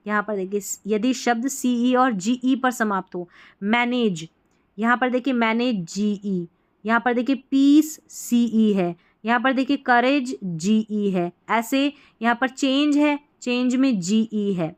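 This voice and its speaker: A woman's voice: a little high, takes it slowly. A woman teaching English spelling rules, patiently repeating each point several times. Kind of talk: screen-based spelling lesson.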